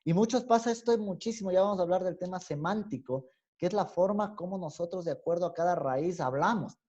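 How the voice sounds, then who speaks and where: A male university teacher with an Ecuadorian highland accent gives an online class lecture. He explains step by step and keeps checking in with a rising "¿sí?". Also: brisk, a little mellow. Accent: Ecuadorian highland Spanish. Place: home room on a video call. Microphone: computer mic on a video call. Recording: dull, lo-fi video-call audio.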